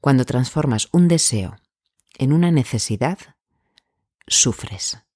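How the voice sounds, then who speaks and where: Male anxiety coach, gentle and measured, mid-range voice, dry close sound. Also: mid-range voice, lively intonation, no echo. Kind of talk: calm self-help advice talk.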